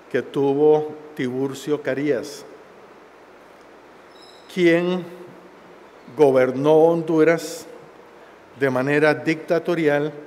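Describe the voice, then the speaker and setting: A man in his sixties giving a formal, solemn speech at a university forum, speaking slowly and deliberately into a headset mic in a large auditorium. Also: a little high, a little mellow, a little hiss or hum. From Costa Rica. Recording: long auditorium reverb.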